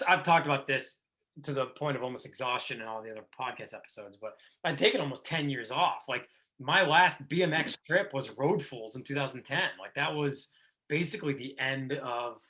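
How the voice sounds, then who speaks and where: Bright-voiced man in his thirties. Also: mid-range voice, normal speed. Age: 30s. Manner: rambling, many restarts and fillers. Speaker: podcast host. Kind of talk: casual chat.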